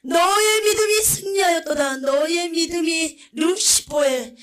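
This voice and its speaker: A woman acting out Jesus speaking from his throne in solemn, archaic phrases, proclaiming loudly in a raised voice. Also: measured pace, slight background noise. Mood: exultant. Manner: proclaiming in archaic solemn speech, high and loud. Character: Jesus on his throne, male, exultant and commanding.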